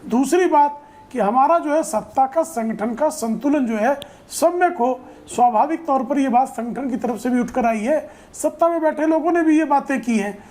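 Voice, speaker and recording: A woman's voice: high voice, moderate pace, mellow. A woman making her party's case in a TV debate, with rhetorical lists. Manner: listing and rhetorical. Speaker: party spokesperson. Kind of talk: debate argument.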